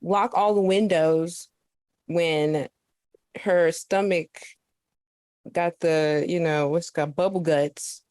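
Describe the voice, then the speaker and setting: A woman's voice: on the low side, slow pace, long pauses, dry recording. A woman co-hosting a podcast, chatting casually and teasing her friends. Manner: teasing, animated. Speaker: podcast co-host. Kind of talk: casual chat.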